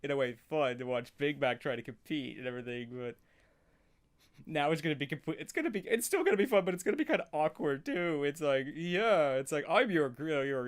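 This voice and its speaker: A man giving casual, off-the-cuff reaction commentary in a halting, rambling, giggly manner. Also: on the high side.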